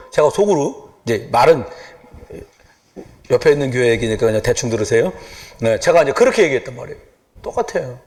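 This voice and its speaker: A man preaching a sermon as a pastor, moving from hushed asides to loud urging. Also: a little high. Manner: lively, swings from hushed asides to loud exhortation. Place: church sanctuary.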